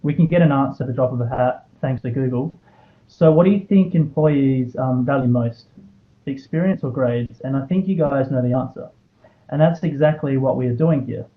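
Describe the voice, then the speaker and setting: In a live speech to an audience, a student award recipient in his twenties, speaking with an Australian accent, tells a personal story and poses rhetorical questions in an earnest, prepared motivational address. Medium pitch, normal speed, narrow and tinny audio.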